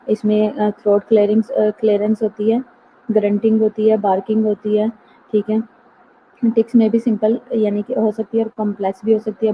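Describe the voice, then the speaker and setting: A woman teaching a nursing class online, explaining terms patiently and slowing down to read out English definitions. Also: mid-range voice. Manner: explanatory, mixes English terms, reads slowly from notes. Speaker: nursing lecturer. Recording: tinny phone-like line, faint noise.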